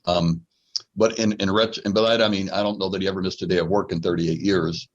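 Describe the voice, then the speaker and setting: A man speaking in a measured, thoughtful way in a reflective podcast conversation. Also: sits low, fairly even intonation. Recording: dull lo-fi audio.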